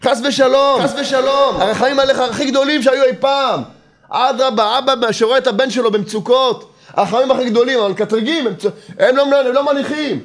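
Rhetorical questions pepper this man's Torah lesson, delivered in a very high, insistent voice that circles back repeatedly. He stays animated and slips in jokes.

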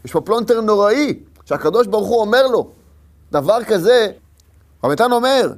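A man's voice: high voice, animated. A man giving a Torah lesson, telling the story with rhetorical questions and repeated phrases. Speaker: Torah teacher.

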